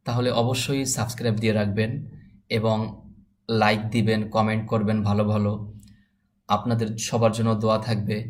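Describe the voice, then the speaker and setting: A man from Bangladesh teaching English phonics, spelling out letters slowly and then saying each word. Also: medium pitch. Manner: slow, spells out letters then says words. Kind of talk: spoken phonics lesson.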